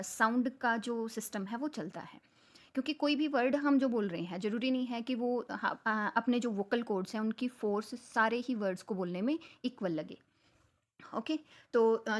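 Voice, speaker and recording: A young woman who speaks Hindi as her teaches a lesson. Her voice sits a little on the high side. She explains patiently and conversationally, switching freely between Hindi and terms. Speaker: English teacher. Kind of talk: explanatory lecture.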